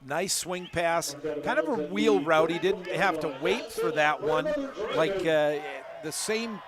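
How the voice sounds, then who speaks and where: A man's voice: on the high side, fairly bright tone. A man as color commentator on a live college football broadcast, breaking down plays and laughing easily with his partner. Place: press box at a football stadium.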